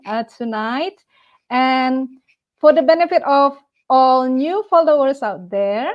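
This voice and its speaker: Indonesian-born woman hosting a lo-fi live stream. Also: on the high side. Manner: hesitant, many fillers, speaks as a second-language speaker. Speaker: host of live talk program. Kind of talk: live-streamed talk show.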